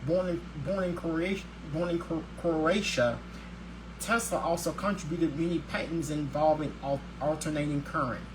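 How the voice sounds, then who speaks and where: A man's voice: on the high side, moderate pace. Upbeat man reading, noisy recording. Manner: reads with stumbles and restarts; upbeat and religious. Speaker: host of a daily video show. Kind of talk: scripted daily video show, partly read aloud.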